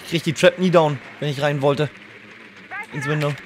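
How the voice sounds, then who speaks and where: A man who casts esports, chatting casually and excitedly while streaming his gameplay, swearing and laughing often. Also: on the high side, moderate pace, noisy background. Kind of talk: casual gaming chat. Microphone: desk microphone on a streaming PC.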